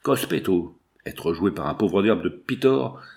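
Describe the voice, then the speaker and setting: A man's voice: low-pitched, expressive, measured pace, pitched below the performer's own voice. A man voicing a menacing brigand chief. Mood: furious. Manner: harsh, commanding, threatening. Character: menacing male brigand chief, hot-tempered.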